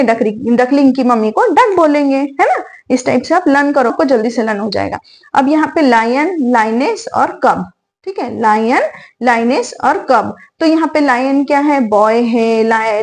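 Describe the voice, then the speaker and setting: A woman teaching a lesson for young children, asking a question and answering it herself, again and again. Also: sits high. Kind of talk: tutorial for young learners.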